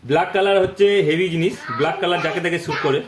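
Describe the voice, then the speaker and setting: A man's voice: high voice, fast talker. Chatty man vlogging at home. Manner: chatty, repeats himself, coaxes family for answers. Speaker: family vlogger. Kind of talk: casual family vlog, addressing viewers as guys. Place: family home indoors and around the yard. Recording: echoey rooms, faint ambient noise.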